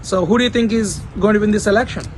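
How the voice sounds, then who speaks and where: A man with a slightly raised voice runs quick street interviews, tossing out short questions and chiming in with brief agreement. A faint hum of surroundings sits behind him. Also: high-pitched. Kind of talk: vox pop questions.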